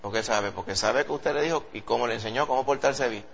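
A man preaching a sermon with a Puerto Rican accent, animated and acting out quoted voices. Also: fast, gravelly. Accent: Puerto Rican Spanish. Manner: animated, acts out quoted voices in a high pitch. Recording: dull lo-fi sound.

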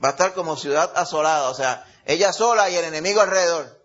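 Male preacher, higher-pitched voice, chatty Bible teaching, muffled lo-fi recording. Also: quick pace, fairly bright tone. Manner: conversational, folksy, checks in with "¿verdad?" and "¿ok?". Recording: dull lo-fi recording.

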